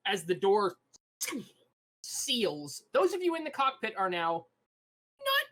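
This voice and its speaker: Easygoing game master narrating a scene. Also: medium pitch. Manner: relaxed, meandering narration with fillers.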